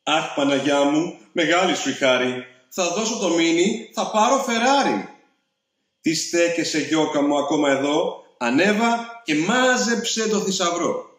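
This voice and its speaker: A man's voice: a little high, animated, a bit bright. A man voicing a bossy, nagging mother in a storybook reading, scolding shrilly. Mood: greedy excited. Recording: very echoey room.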